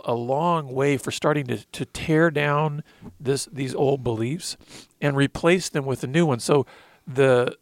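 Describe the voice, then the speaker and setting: A man's voice: medium pitch, dry recording. A man in his thirties co-hosting a faith-based talk, earnestly telling his recovery story and quoting scripture with emotion. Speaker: podcast co-host sharing recovery testimony.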